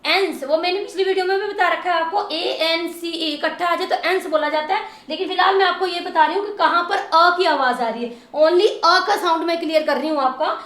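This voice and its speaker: A woman teaching English phonics, stretching sounds slowly and spelling words letter by letter. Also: very high voice, fairly bright tone, echoey room. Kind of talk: phonics lesson.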